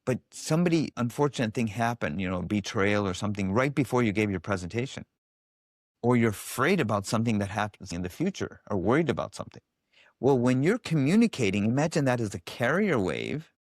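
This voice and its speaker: A man's voice: medium pitch, sing-song, a little fast, no echo, clean studio sound. A man being interviewed as a guest expert, telling stories with animation and acting out the voices of the people he quotes. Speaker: guest, biofeedback specialist. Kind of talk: casual interview storytelling.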